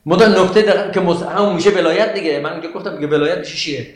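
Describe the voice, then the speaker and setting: A man with a high voice teaches a class about Quranic verses, stopping often to ask his listeners questions. He recites the Arabic verses slowly. The room is full of echo. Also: steady tone. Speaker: religious teacher. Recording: very echoey room.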